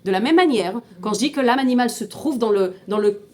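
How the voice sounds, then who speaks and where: Her voice is a little high and a little mellow, with lively intonation and a fast pace. The woman teaches an informal class step by step, asking students questions, often restarting and repeating words, and mixing in Hebrew terms.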